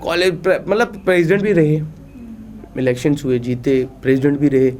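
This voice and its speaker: A young male athlete, a podcast guest in a studio, tells rambling stories full of fillers and frequent laughter in a casual storytelling interview. His voice is on the high side and a little mellow, steady in tone at normal speed, with slight background noise.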